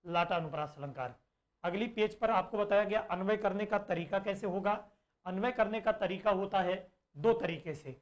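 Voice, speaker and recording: During an online exam-prep lesson, a male teacher explains things slowly, repeats his points, and poses questions he then answers himself. His voice is high-pitched.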